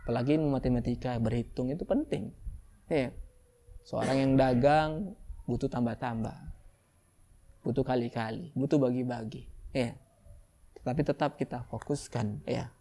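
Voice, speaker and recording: Gravelly male preacher. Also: normal speed, long pauses. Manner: lively preaching, mimics people in high excited voices. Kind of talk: sermon.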